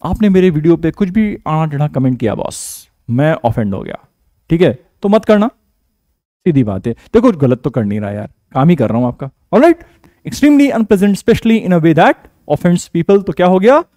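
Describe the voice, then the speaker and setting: A man's voice: a little high, big pitch swings, normal speed, dark tone, dry recording. A man with an Indian English accent, teaching vocabulary in a casual online lesson, chatty and joking, calling his students 'beta'.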